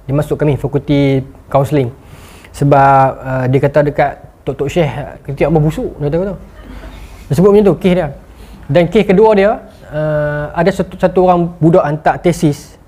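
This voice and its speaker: A man giving a motivational lecture, telling stories with animated delivery and acted-out quotes. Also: on the high side, moderate pace. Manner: animated storytelling, acting out quotes. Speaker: motivational speaker.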